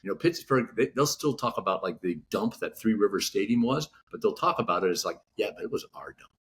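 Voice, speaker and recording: Halting low-voiced man, filler-heavy. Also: animated, a bit bright, a little hiss or hum. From California. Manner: halting, heavy on "you know" fillers and restarts. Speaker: author guest. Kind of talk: casual podcast interview.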